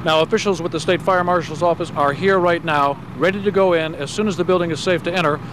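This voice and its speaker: A man's voice: fairly high pitch, fast. A man giving a scripted television news report as a field reporter. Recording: clear outdoor traffic and vehicle noise.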